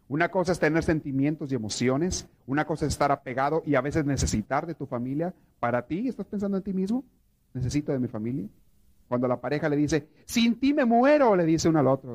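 Speaking a little high and fast, this priest leads a prayer course before a live audience, animatedly recounting stories and quizzing the people listening.

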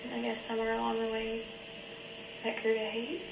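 A woman in a police interrogation room, giving a halting, rambling account, heard from an old interrogation tape recording. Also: on the high side, completely flat delivery, creaky. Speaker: murder suspect under interrogation. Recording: roomy, muffled tape with hiss.

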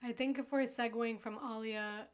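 A woman co-hosting a film podcast, talking quickly and enthusiastically in casual chat. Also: fairly high pitch, steady tone, clear, resonant tone. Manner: quick, enthusiastic, laughs often. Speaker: podcast co-host.

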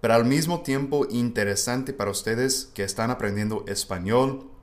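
A native English speaker from the United States hosts a casual language-learning podcast, chatting in an educational conversation. He has a medium-pitched voice and talks at normal speed.

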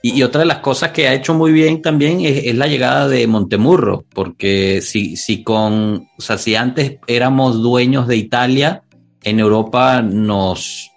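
A man with a Latin American accent hosting a casual sports podcast discussion. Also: medium pitch. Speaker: podcast host.

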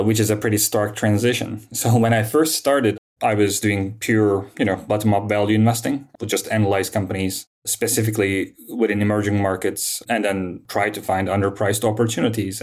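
A man in his thirties from Turkey, a fund manager answering interview questions in a measured, explanatory way with frequent fillers. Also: on the low side, darkish tone.

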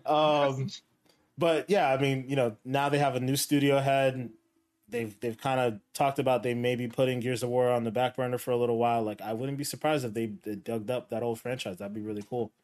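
A man hosting a casual gaming podcast, talking in a relaxed, rambling way. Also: mid-range voice, a little fast. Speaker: podcast host. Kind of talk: casual chat.

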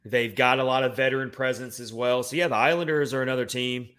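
A man's voice: medium pitch, steady tone, quick pace, fairly bright tone. A man with a Southern Tennessee accent hosting a casual sports talk show. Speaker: sports podcast host.

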